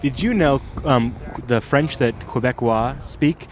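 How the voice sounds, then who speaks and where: A man's voice: medium pitch, a little slow, slight background noise. A man co-hosting a comedy podcast, talking in dry, self-deprecating banter. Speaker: podcast co-host. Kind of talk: casual comedic chat.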